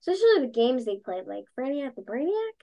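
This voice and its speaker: Her voice is high, sing-song, brisk and mellow as she talks informally as a guest on an interview. The young woman, a dancer and podcaster, acts out past exchanges and fills her speech with "like."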